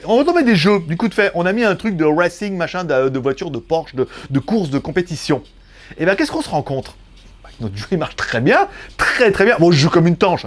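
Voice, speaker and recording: A man casually reviewing a smartphone, chatty and joking, with plenty of fillers and asides. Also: on the high side. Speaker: tech reviewer.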